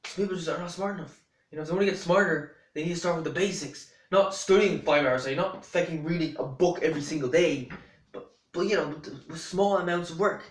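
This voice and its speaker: A man's voice: fairly high pitch, fast talker, reverberant, slight background noise. A man talking casually to camera, rambling and blunt, with many fillers and restarts. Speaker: vlogger.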